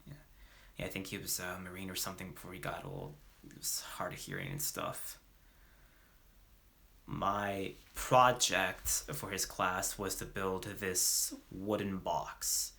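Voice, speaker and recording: A young slacker-turned-dealer, remorseful and unsure, played by a man in a monologue. He talks in halting, slangy bursts with lots of "like" and restarts. His voice sits low, with a bright, tense edge. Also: vocal fry, exaggerated voice. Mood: hesitant, then reminiscing. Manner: hesitant, slangy, full of fillers and restarts. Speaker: actor. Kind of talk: dramatic monologue performance.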